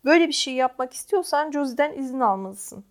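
A woman's voice: high voice, expressive, fast talker. A woman voicing a bossy tall teenage boy.

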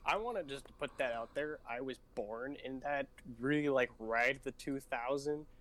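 A man's voice: medium pitch, moderate pace, fairly bright tone. Earnest young man on a podcast. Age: young adult. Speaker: podcast co-host. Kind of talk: casual podcast chat.

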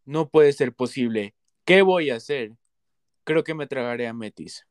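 Man playing an agitated clear-voiced ruler god. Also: medium pitch, animated, a little slow, dry recording, clean studio sound, lightly acted. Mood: worried. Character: overwrought ruler god, adult male. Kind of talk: acted myth retelling for podcast.

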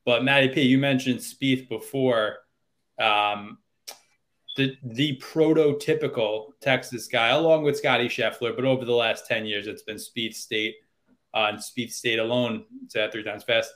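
A man's voice: mid-range voice, steady tone, measured pace, a bit bright. A man hosting a golf betting podcast, chatting casually and putting questions to his co-hosts. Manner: conversational, asks co-hosts questions, wordplay. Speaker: podcast host. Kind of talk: casual sports betting chat.

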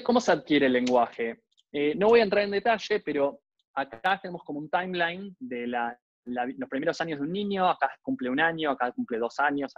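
Argentine man lecturing in a slightly high voice. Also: no echo, muffled recording. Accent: Rioplatense Argentine Spanish. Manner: conversational, often checks in with "¿no?". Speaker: university lecturer. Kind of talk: informal lecture.

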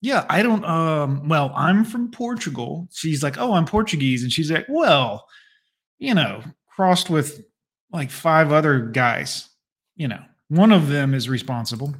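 A man with a fairly high voice delivers blunt, crude commentary. He mocks and scolds without holding back. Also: animated, a little slow, fairly bright tone, breathy edge. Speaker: commentator reacting to a radio clip. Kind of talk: profane reaction commentary.

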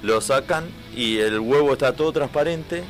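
A man's voice: medium pitch, normal speed, fairly bright tone, soft background music. A man with an Argentine accent hosting a casual, joking pirate radio broadcast with loose banter. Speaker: radio host.

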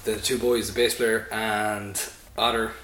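Low-voiced, jokey west of Ireland man, roomy sound. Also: flat delivery, measured pace, fairly bright tone. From Sligo, west of Ireland. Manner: jokey, sweary, anecdotal. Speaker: band member being interviewed. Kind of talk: casual chat. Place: indoors on pub or venue premises. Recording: roomy echo, faint noise and clicks.

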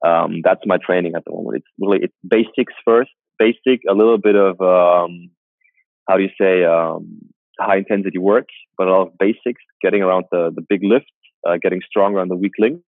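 Coach guy talking on a tinny call line, kinda low voice, keeps restarting sentences. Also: steady tone, vocal fry, no room sound. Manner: halting, restarts phrases. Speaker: strength coach and personal trainer. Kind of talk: interview answers.

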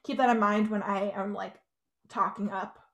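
A young adult woman co-hosts a podcast, chatting casually and saying "like" and "you know" a lot. She has a mid-range, fairly bright voice with fairly even intonation and a moderate pace.

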